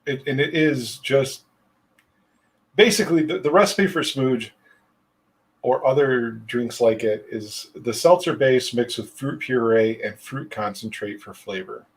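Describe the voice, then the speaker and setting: A man's voice: mid-range voice, a little slow, low-quality recording. A man hosting a podcast, rambling in casual chat with lots of fillers and casual swearing. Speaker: podcast host.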